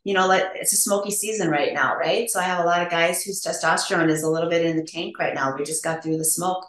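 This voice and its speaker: A woman's voice: lowish voice, a bit bright. A woman clinician explaining testosterone treatment options plainly in a podcast interview, with a practical manner. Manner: explanatory, practical, quick to laugh. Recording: roomy echo.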